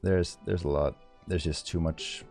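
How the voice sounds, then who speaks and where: A man's voice: deep voice, fairly even intonation, a little slow, creaky, darkish tone, soft background music. A man giving casual livestream commentary on his own speedrun, informal and rambling as he thinks aloud.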